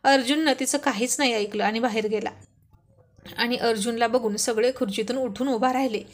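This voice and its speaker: Woman storyteller, steady scripted narration, slightly high voice. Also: a little fast.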